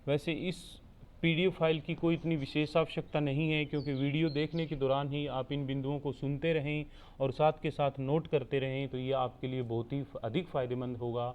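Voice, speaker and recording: A man giving a steady explanatory online lecture as a teacher-training instructor, repeating points so students can take notes. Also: mid-range voice, moderate pace, smooth. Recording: tinny phone-like recording.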